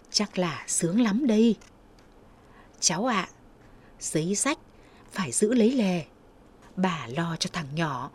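A woman's voice: medium pitch, a little mellow, husky. A woman reading as an old village grandmother. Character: old village grandmother, gentle but firm.

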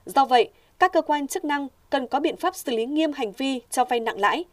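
A woman presenter reading a public-information segment in a measured, formal broadcast style. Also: high-pitched, lively intonation, no echo, recorded from a distance. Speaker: radio presenter.

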